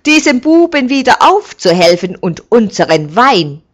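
A woman voicing a loyal, grey-haired old male servant who talks in a gruff, grumbling, emphatic way. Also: fairly high pitch, expressive, slow, voice pushed up.

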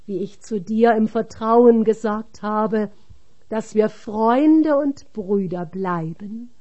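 A woman reading a religious text aloud, measured and solemn. Her pace is very slow and her voice dark and mellow. Each phrase is set apart with care. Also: a little high. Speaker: reader.

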